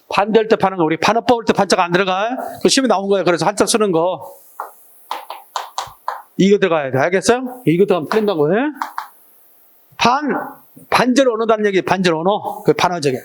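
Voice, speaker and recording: A man with a high voice teaches a live classroom lesson. He fires short questions at his students and clears an irritated throat now and then. His delivery is casual and direct. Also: a little hiss or hum. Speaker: exam prep teacher. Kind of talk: classroom lecture.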